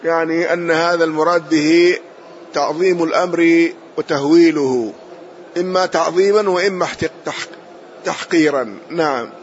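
A man teaching a classical text, explaining each passage in measured steps, repeating and rephrasing as he goes. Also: a little high. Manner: measured explanation, repeats and rephrases, closes points with a short affirmation. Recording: muffled lo-fi audio with faint hiss.

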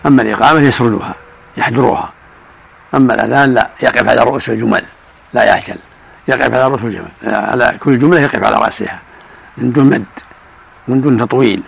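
An older man, a religious scholar, answering questions in a measured, explanatory way. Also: mid-range voice, vocal fry, fairly bright tone, slightly rough. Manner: measured, explanatory, chants call-to-prayer examples.

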